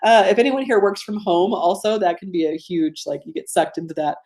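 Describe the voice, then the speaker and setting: Low-pitched woman with a Georgia accent, teaching casually. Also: a little fast, a little mellow. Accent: Georgia, US Southern. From Georgia, United States. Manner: chatty, self-deprecating, often checks in with listeners. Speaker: host of a live online productivity training. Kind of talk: informal webinar teaching with audience interaction.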